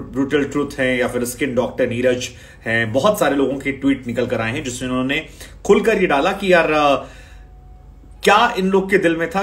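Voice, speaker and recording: Man hosting a cricket news talk. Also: mid-range voice. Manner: talks straight to viewers, reads out and sums up posts. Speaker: cricket channel host. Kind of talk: conversational news commentary.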